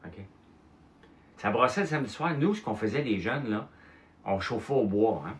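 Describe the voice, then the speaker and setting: A Québécois man in his fifties or older, telling childhood stories in casual chat, animated, with mild swearing and filler words. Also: medium pitch, moderate pace. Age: 50s or older. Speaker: host.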